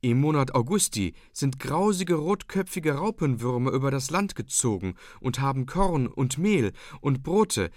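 A man's voice: medium pitch, sing-song, a little slow, hardly any pauses, a little mellow, no room sound, studio quality, voice pushed up. A man voicing a breathless young maid who urgently tells of dire omens. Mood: anxious, urgent.

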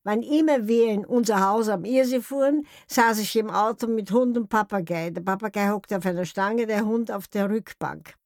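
An older woman recounts memories from her life in a wry, anecdotal manner. Her voice sits at a middle pitch, recorded close and dry with no room sound. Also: normal speed, few pauses, darkish tone, no room sound. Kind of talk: memoir storytelling.

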